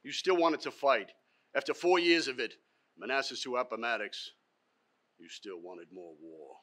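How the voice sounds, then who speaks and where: An older man playing an aggrieved man in a theatrical dramatic monologue, reproaching someone with emphatic, accusing questions and deliberate pauses. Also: medium pitch, fairly bright tone, natural voice. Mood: bitter disappointment. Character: aggrieved man reproaching a former Confederate officer, accusing, sorrowful. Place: theatre stage, indoors.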